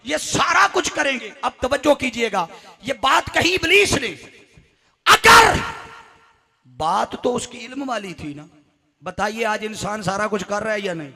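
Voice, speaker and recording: A man with a Punjabi accent preaches a fiery sermon, his voice very high and sharp with a gravelly edge. He keeps prompting the gathering to answer back and then erupts into shouts. The sound rings with the long reverb of a hall sound system. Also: expressive, normal speed. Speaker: Islamic preacher. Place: religious gathering on a stage.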